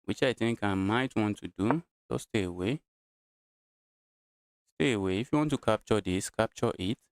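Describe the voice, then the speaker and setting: A Nigerian man talks through his chess game on a live stream, repeating short phrases as he weighs each move. His voice sits a little low and comes across clean and resonant. The sound is dry, with very little room echo. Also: normal speed, clean tone. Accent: Nigerian English. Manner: thinks aloud, repeats phrases.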